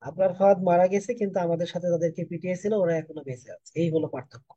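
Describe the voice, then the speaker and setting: Man, soft-spoken, coaching teacher, dark mellow tone, dry muffled sound. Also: sits high, steady tone, racing, no room sound. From Bangladesh. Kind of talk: online English lesson.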